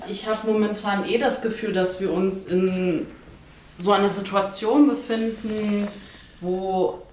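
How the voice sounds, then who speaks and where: A woman's voice: mid-range voice, fairly even intonation, measured pace, a little mellow, roomy sound, far from the mic, a little hiss or hum. A woman in her early twenties, a student and activist, giving engaged, upbeat answers in a documentary interview. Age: 20s.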